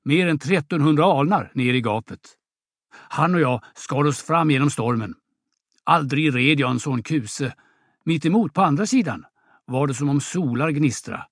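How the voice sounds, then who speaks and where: A man's voice: a little high, no echo, studio quality. A man reading an audiobook drama, voicing a boastful young peasant who spins a vivid tall tale. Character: boastful young peasant braggart, swaggering storyteller.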